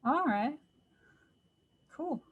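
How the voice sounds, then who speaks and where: A woman hosts a casual podcast chat with a fairly high voice. She sounds upbeat, keeps the talk moving, and laughs easily. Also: lively intonation, drawn-out words, lo-fi sound. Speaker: podcast host.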